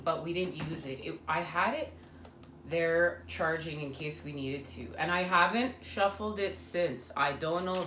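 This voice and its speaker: A woman giving a spiritual tarot reading, talking earnestly and meandering with many fillers. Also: fairly low pitch. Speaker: tarot reader. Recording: echoey room with faint ambient noise.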